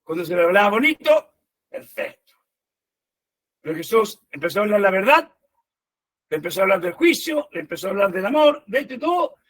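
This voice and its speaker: Husky high-voiced male preacher. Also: fairly quick, long pauses. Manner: animated preaching, addresses listeners as brothers. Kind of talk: sermon.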